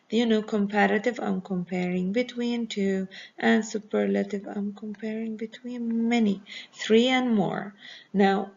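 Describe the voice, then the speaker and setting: A woman's voice: mid-range voice, gravelly, darkish tone. A woman teacher reviewing grammar for her students, explaining patiently and repeating reminders. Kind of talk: recorded grammar review lesson. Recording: dull lo-fi recording.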